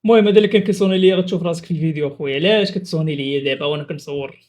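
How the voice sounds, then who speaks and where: A man's voice: fairly high pitch, rapid-fire, darkish tone. A man with a Moroccan accent chatting casually and teasingly as he reacts to clips, with exclamations. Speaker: video creator reacting to funny clips.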